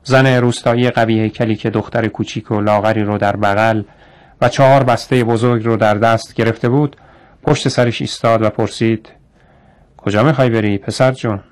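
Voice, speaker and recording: A man narrating a radio story in a measured way, slowing down on descriptive phrases. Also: lowish voice, steady tone, smooth.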